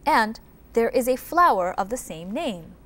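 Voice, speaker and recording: A woman's voice: on the high side, sing-song, a little slow, very noisy. A woman hosting a quiz show, addressing contestants and explaining answers.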